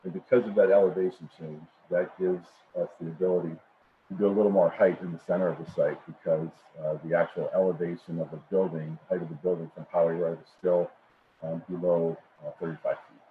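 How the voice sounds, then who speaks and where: A middle-aged man giving a formal presentation at a public meeting over a video call. He sounds muffled, as if heard through a wall, and speaks haltingly with many ums and repeated words. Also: low voice, little pitch movement. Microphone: computer microphone on a video call. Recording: muffled, tinny online-meeting audio with faint noise.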